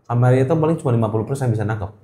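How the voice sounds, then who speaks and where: Chatting casually as a guest in an echoey room, the middle-aged Jakarta-accented gemstone trader from Indonesia talks very fast in a warm, mid-range voice. He tends to repeat words for emphasis.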